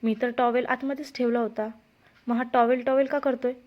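Woman playing a sweet young wife, coaxing and pleading, high voice, muffled sound. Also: flat delivery, a little fast, natural voice. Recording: dull lo-fi recording.

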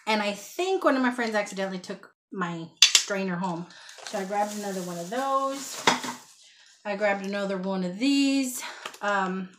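A woman in her thirties with a drawl talks through her shopping haul in a small room at home. Her voice sits at an everyday middle pitch and comes through a desk webcam with a faint hiss underneath. She rambles in a friendly way and drops self-deprecating asides. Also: expressive, normal speed. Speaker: haul vlogger. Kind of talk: casual haul chat to camera.

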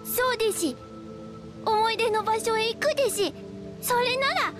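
A woman's voice: very high-pitched, measured pace. A woman voicing a small, cute, timid spirit creature in a video game, with childish, quirky phrasing. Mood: eager. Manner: childish, quirky sentence endings. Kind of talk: Japanese RPG cutscene voice acting. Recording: game soundtrack music behind.

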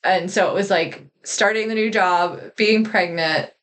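A woman's voice: mid-range voice, a little slow, a bit bright. A young adult woman co-hosting a podcast as a dietitian, talking in a casual, chatty way with many fillers. She is pregnant. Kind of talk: casual chat.

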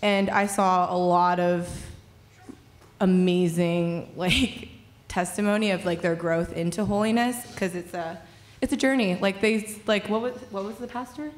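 A young woman tells a casual, bubbly testimony from a church stage. She laughs often and fills her talk with easy fillers. Her voice sits at an ordinary middle pitch. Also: steady tone, measured pace. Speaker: youth leader sharing at church. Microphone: stand mic.

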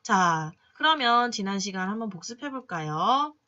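A woman teaching English phonics in a patient classroom manner, slowly sounding out each letter and cueing students along. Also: medium pitch, animated, bright, forceful tone, highs cut off. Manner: patient, drawn-out sounding of letters, many "자" cues. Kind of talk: slow classroom phonics lesson.

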